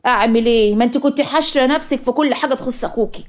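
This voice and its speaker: A woman voicing a worried, scolding Egyptian mother, shrill and fussing, in a cartoon story. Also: rapid-fire, lightly acted.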